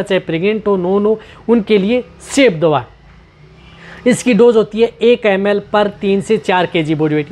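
A man's voice: high voice, darkish tone. A man hosting a goat care channel, patiently explaining treatments step by step and often repeating himself. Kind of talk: instructional talk on goat health.

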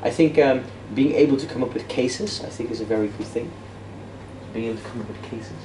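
With a warm, medium-pitched voice and a slightly quick pace, a man in his thirties whose native language is Dutch leads a loose, self-mocking debate workshop. He often restarts and fills pauses while pacing and gesturing in front of a projector screen. Recorded indoors from a far camera, the classroom echoes and there's noise.

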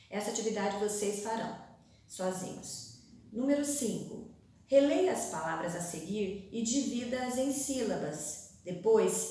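A woman teacher giving a recorded classroom lesson, reading aloud and sounding out words slowly, syllable by syllable. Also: mid-range voice, a little mellow. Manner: slow, deliberate, stretches words syllable by syllable. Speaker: primary school teacher. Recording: very echoey room, voice far from mic.

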